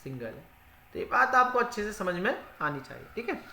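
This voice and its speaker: Fairly quick and sing-song, this male English teacher's high voice is gravelly, pushed and bright. In an echoey room, he delivers a spoken grammar lesson on spelling rules, repeating each in Hindi and answering his own questions.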